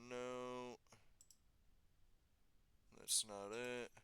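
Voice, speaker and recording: A man giving a casual screen-recorded software tutorial, thinking aloud and correcting himself as he goes, slightly losing his voice. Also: mid-range voice, level tone, very slow, clean tone. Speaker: tutorial maker.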